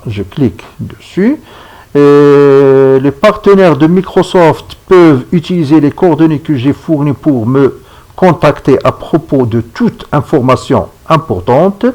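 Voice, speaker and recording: A man talks through a screen-recorded computer tutorial, slowly and patiently, often stopping to ask if viewers are following. His voice is somewhat husky and lively in pitch, recorded on a computer microphone. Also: rough recording. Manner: slow, step-by-step, checks in with "d'accord?". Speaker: instructor.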